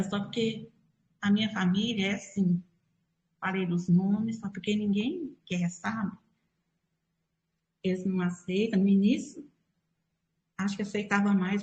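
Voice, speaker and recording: A woman's voice: medium pitch, fairly even intonation, normal speed, a little mellow, reverberant, low-quality recording. A middle-aged woman from Brazil telling a personal religious testimony, acting out the lines she and others said. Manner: storytelling, acts out her quoted dialogue. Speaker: church member giving testimony.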